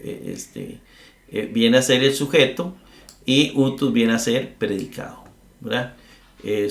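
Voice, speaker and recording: A middle-aged man gives a recorded grammar lecture in a roomy, echoing space. His voice sits at an ordinary pitch, and he talks patiently, filling pauses with "eh" and checking in with tag questions. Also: vocal fry, a bit bright. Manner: explains slowly with many "eh" fillers and tag questions. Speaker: Greek grammar teacher.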